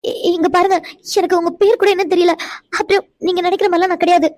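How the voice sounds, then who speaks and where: A woman's voice: very high-pitched, little pitch movement, quick pace, a little mellow, dry recording, studio quality. A woman voicing a shy, frightened young woman in a cartoon, who stammers and pleads. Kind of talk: cartoon voice acting.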